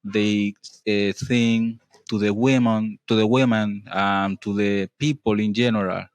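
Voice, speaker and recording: A man with a Colombian accent interprets in simple, halting English as a native Spanish speaker. His voice is fairly low and very unhurried, recorded dry. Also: steady tone, no room sound. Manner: halting non-native phrasing.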